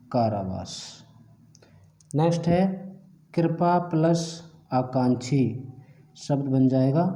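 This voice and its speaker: A man's voice: mid-range voice, mellow. A man teaching a grammar lesson, working through examples methodically one step at a time. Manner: slow, methodical, repeats each sum step by step. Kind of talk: slow online grammar lesson.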